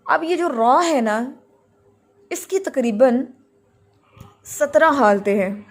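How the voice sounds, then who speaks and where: Woman, tajweed teacher, patient explaining, slightly high voice. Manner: explains patiently, stretches out recited words to model them. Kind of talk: recorded lesson.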